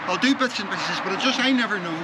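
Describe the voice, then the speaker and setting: A man's voice: high-pitched, animated, quick pace, very noisy. A man from Northern Ireland with a Northern Irish accent, chatting casually to his vlog in a rambling way that trails off and changes track mid-thought. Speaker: travel vlogger. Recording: loud music over the voice.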